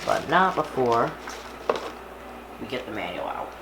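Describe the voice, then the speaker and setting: Heavy background noise surrounds a very animated, medium-pitched man who keeps a measured pace. He's a hobbyist creator doing an unboxing, casually narrating each small thing he does with his hands.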